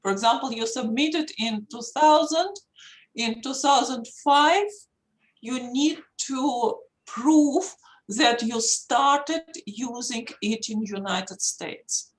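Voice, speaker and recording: Slow Russian-accented woman lecturing. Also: on the high side. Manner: slow, explanatory, plain wording. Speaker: guest speaker on intellectual property. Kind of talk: online lecture and Q&A. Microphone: video call.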